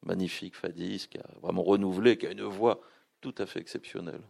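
A man with a deep, heavily gravelly voice gives a discursive talk at a literary event. He circles back on himself, filling pauses and restarting phrases as he explains. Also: fairly even intonation, darkish tone. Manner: discursive, full of hesitations and restarts. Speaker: publisher and translator, guest speaker. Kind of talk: public talk at a literary festival.

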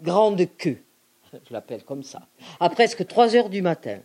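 A woman giving an expressive, outspoken dramatic reading of letters. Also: lowish voice, measured pace. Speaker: reader.

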